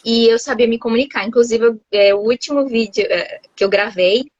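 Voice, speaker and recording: A woman's voice: a little high, steady tone, a little fast, no room sound, lo-fi sound. A woman from Brazil chatting casually over a video call, laughing often and restarting her sentences. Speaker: host, English teacher living abroad.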